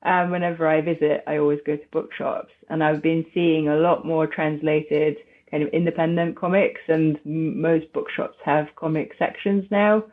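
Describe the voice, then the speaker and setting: A woman from Hungary, a podcast guest in a conversational interview, speaks in a low-pitched, steady voice at normal speed with hardly any pauses. She's thoughtful but hesitant, with many restarts and fillers. The remote line sounds tinny and phone-like.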